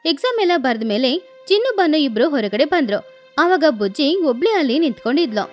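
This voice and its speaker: A woman narrating a cartoon story for children in a steady storytelling manner. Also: high voice, a little fast, faint music behind.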